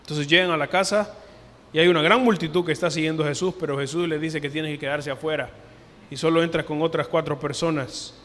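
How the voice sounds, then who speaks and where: A man preaching a sermon as pastor, earnest, lifting his voice for emphasis and dropping it softly for quoted words. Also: fairly high pitch, steady tone, a little fast. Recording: long hall reverb.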